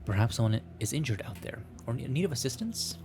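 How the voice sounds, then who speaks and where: Fast-talking and sing-song, with a mid-range voice and some vocal fry, a let's play host reads a visual novel aloud. His casual commentary is wry and self-deprecating, his throat is a little scratchy and often cleared, and music plays in the background.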